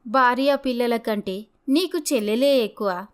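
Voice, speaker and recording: A woman's voice: on the high side, a little slow, smooth, close to an everyday voice. A woman voicing a reproachful young wife. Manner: reproachful, pleading. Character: young wife, pleading and aggrieved. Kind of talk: storybook voice acting.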